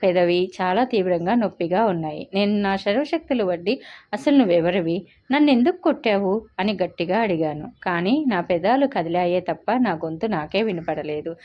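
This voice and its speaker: A woman telling a first-person novel story as the channel's storyteller, in a dramatic, emotional way. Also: fairly low pitch. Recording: slightly dull lo-fi audio.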